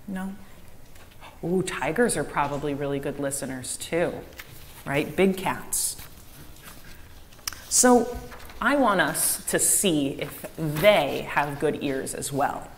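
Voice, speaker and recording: A woman giving a children's message in a church service, asking the kids lively questions and echoing back their answers. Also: low-pitched, slow, long pauses. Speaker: director of faith formation giving a children's message. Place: church sanctuary with a choir. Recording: long church reverb, faint room noise.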